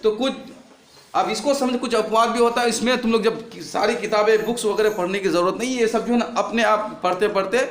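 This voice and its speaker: Man, teacher, very high voice, echoey classroom, repeats questions and drills answers. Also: a little fast. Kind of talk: classroom English lesson. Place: classroom with a board.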